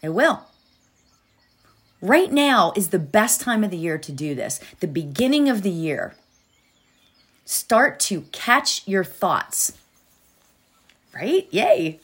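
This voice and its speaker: A woman's voice: medium pitch, sing-song, slow, pauses often, a bit bright, husky. A woman teaching meditation and positive thinking in an informal, encouraging manner, repeating phrases for emphasis. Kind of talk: guided meditation and motivational coaching.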